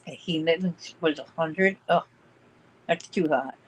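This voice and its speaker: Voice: mid-range voice, takes it slowly, slightly rough, rough recording. A live-stream host chatting casually and affectionately with panel guests, using endearments. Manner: warm, affectionate, uses endearments.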